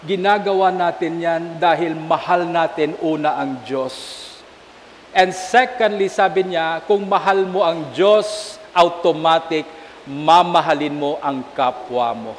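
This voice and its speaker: Filipino man, bishop's sermon, high voice, long church echo, faint hiss. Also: slow. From Philippines. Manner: animated storytelling, asks the congregation "Amen?". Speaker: bishop preaching a homily. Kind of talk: sermon mixing Tagalog and English. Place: large church.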